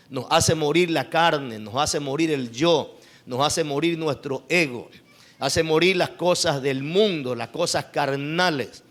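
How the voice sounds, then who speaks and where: A man's voice: on the high side, fairly bright tone. A man from Ecuador preaching a sermon, repeating phrases and asking the congregation rhetorical questions.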